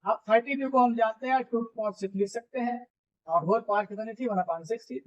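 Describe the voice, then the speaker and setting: Guy teaching math, kinda high voice, chatty w students, keeps asking got it?, muffled lo-fi audio. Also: fairly quick. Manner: repeats points and checks understanding often; informal, calls students buddy and brother. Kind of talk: classroom video lecture.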